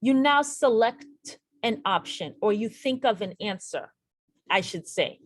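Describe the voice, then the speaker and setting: This woman's mid-range voice has lively intonation and a slightly slow delivery. She's teaching a nursing exam lesson on a screen share, speaking straight to viewers and repeating the main points to drive them home.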